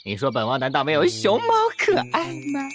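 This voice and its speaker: An actor voicing a boastful, pompous monkey king in an animated cartoon. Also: medium pitch, quick pace. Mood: vain, indignant. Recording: loud music behind the voice.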